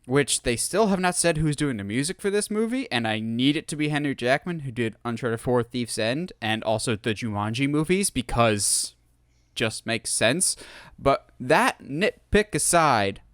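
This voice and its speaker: A man hosts a casual podcast with animated, opinionated enthusiasm. His voice comes through smooth and resonant, at a middle pitch, recorded dry and close. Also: normal speed, no room sound. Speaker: podcast host.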